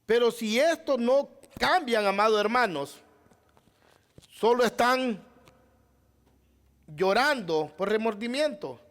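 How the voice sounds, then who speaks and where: A man's voice: extremely high pitch, expressive, slow, pauses often, a bit bright. A male pastor preaching a sermon, asking rhetorical questions and addressing the congregation as beloved brother.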